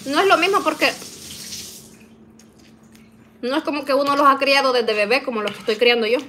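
Middle-aged woman, home kitchen vlogger, chatty and folksy, slightly high voice. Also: fast talker, pushed and bright, slight background noise. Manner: chatty, addresses viewers as "niñas", frequent "¿verdad?" tags. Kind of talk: casual chat while cooking.

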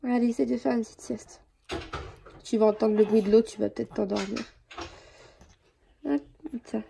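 A young woman and mother with a cold, chatting casually and rambling through her day at home for a vlog, often dropping to a soft, low voice. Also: fairly even intonation, normal speed, vocal fry, slight background noise. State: sniffling with a cold. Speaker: vlogger, mother of two young boys.

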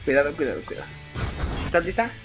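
A low-voiced woman with a Mexican accent, her pitch leaping all over as she coaxes and cheers during a game. She shouts at enemies on screen, and game music plays clearly behind her. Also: fast talker. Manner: coaxing and excitable, cheering and yelling at enemies. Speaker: gaming channel host. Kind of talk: casual gameplay chat with a child.

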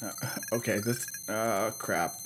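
A man doing casual game commentary, reading screen text aloud and thinking out loud in a hesitant mutter. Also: on the low side, slow pace, poor audio. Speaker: gamer, host of a let's play. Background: retro video game music.

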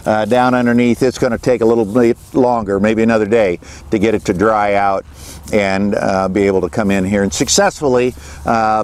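A farmer from Western Illinois, kneeling outdoors in an open field, explains his field trial in a plain, halting way with many fillers and repeats. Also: medium pitch, a little mellow. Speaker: farmer presenting on-farm research. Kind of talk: informal field demonstration to camera. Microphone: camera at a few meters, kneeling speaker.

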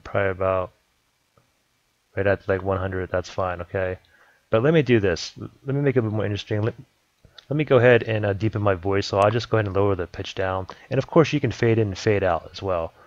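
A man casually explaining a video editing program step by step, in a relaxed way. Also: lowish voice, brisk, no echo, highs cut off. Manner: relaxed step-by-step explaining, repeats "let me go ahead". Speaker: software tutorial host. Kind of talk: casual screen-recording tutorial.

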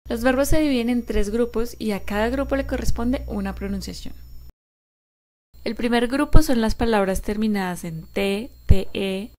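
A woman with a fairly high, darkish voice teaches grammar to a camera as an English teacher. She is cheerful, slow and careful, and repeats words so viewers can practice.

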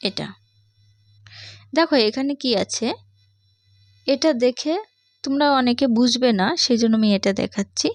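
A woman's voice: high voice, moderate pace, long pauses, no room sound. A woman with a Bangladeshi accent teaching an English reading lesson to young children, patiently repeating each point and asking the class questions.

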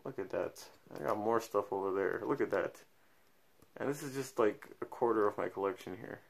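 Young guy opening card packs on camera, lowish gravelly voice, rambles, volume keeps fading. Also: normal speed. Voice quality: level drops in and out as he moves. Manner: rambling, thinks aloud while opening packs. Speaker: card collector reviewing a product. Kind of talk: casual unboxing review. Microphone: camera mic, filming at an awkward angle.

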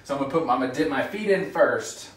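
A man's voice: mid-range voice, expressive, fast, a bit bright. A man in his thirties chatting casually to camera as a vlogger. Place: small tiled home bathroom. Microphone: phone at arm's length or propped nearby. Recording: roomy bathroom echo, distant mic, background noise.

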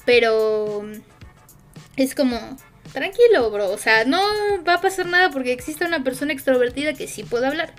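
A woman's voice: sits high, expressive, normal speed. A young woman, a streamer chatting casually with her viewers and answering chat, with lots of fillers. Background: faint music.

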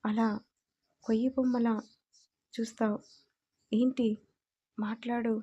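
A woman's voice: on the high side, little pitch movement, slow, warm tone, slightly rough, lo-fi sound. A woman voicing a timid, tearful young wife who pleads earnestly in a storybook reading. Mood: pleading.

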